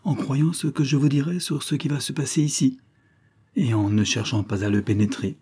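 A man voicing an ardent, emphatic young male suitor in a storybook reading, a little higher than his own voice. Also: moderate pace, warm tone, breathy edge, natural voice. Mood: urgent. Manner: emphatic, pleading.

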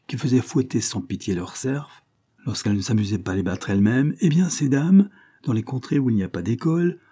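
A man's voice: medium pitch, dark tone, slightly rough, pitched above the performer's own voice. A man reading an audiobook, voicing an earnest young nobleman who speaks in a serious, lecturing way.

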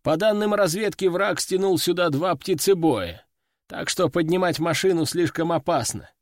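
A man's voice: sits high, moderate pace, dry recording, clean studio sound, natural voice. A man voicing a weary male helicopter pilot who reports bad news with a resigned sigh, in an audiobook. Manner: resigned, sighing.

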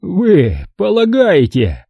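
A man voicing a calm, weary security chief. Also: high-pitched, creaky, husky, no echo, highs cut off, pitched above the performer's own voice, full character voice. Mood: barking. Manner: measured and commanding. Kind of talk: audiobook character voice.

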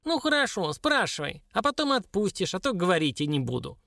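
Squeaky, shrill little dwarf. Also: male voice, very animated, brisk, vocal fry, pushed and bright, no room sound, clean studio sound, full character voice. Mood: whiny. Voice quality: piercing, squeaky screech. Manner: wailing, pleading and cursing by turns. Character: shrill, sly little dwarf captive, whiny and spiteful. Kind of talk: audiobook character voice.

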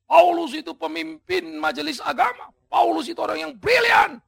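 A male pastor preaching a sermon with dramatic, sudden shouted emphases, speaking straight to his congregation. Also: extremely high pitch, moderate pace, gravelly. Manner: addresses the congregation directly.

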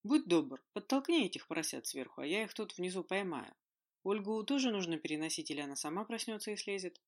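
A man's voice: sits high, animated, brisk. Reader doing a male king, stern, commanding, scolding, audiobook figure. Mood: calm.

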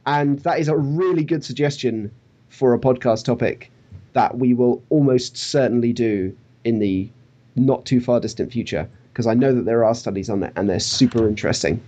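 Husky man co-hosting a podcast, laughing easily. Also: mid-range voice, moderate pace, dark tone. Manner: joking, laughs often. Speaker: podcast co-host. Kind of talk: casual podcast chat. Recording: dull lo-fi audio.

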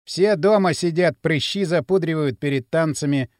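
A man reading an audiobook, voicing an easygoing young guy who speaks slowly and offhandedly. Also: a little high, a little mellow, no room sound, studio quality, close to an everyday voice. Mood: lazy. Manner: unhurried, offhand. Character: easygoing young male driver, lazy. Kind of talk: audiobook character voice.

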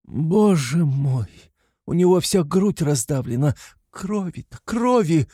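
A man reading aloud, voicing a frantic, proud, sickly mother who speaks in a rapid, shrill, breathless patter. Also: expressive, a little mellow, dry recording, clean studio sound, natural voice. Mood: desperate.

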